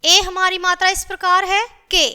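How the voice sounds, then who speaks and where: A woman's voice: very high voice, level tone, bright, forceful tone. A woman teaching a grammar lesson to children, patiently repeating and drawing out each sound as she goes. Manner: patient, repetitive, drawn-out enunciation of sounds.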